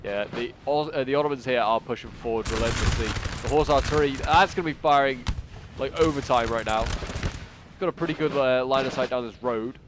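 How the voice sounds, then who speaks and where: With game artillery and gunfire booming behind him, a man talks his way through a battle at a brisk pace and medium pitch. He sounds congested from a cold, rambling casually and thinking aloud with frequent fillers into a new desktop microphone.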